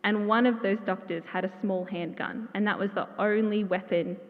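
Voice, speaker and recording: Woman, eulogy speaker, heartfelt gently humorous storytelling, tinny echoey church hall. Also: medium pitch, fairly even intonation, normal speed. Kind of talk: memorial tribute speech.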